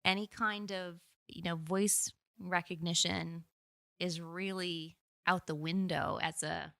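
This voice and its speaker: A woman with a fairly low voice co-hosts a casual podcast, explaining things as she goes and thinking aloud with small restarts. The sound is dry and close to the microphone. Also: steady tone, takes it slowly, creaky, bright, forceful tone, dry recording. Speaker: podcast co-host. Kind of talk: casual conversational discussion.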